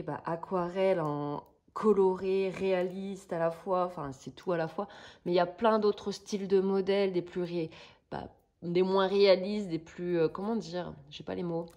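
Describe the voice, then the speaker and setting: A woman's voice: on the low side, a little mellow. A woman vlogger chatting casually through a craft kit unboxing, hesitant and searching for words with many fillers.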